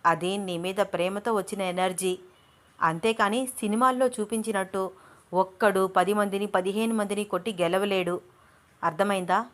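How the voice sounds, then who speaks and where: A level-headed young man talks things through patiently and affectionately, as a woman narrator reads him. His voice stays close to the reader's own middle pitch, with an even, reasoning tone in an audio story. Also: normal speed, close to an everyday voice. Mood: explaining.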